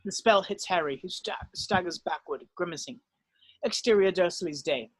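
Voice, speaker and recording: At a script table read, a man with a fairly high voice serves as narrator, reading the stage directions at a moderate pace. His scripted narration lays out scenes and actions, and the recording quality is low.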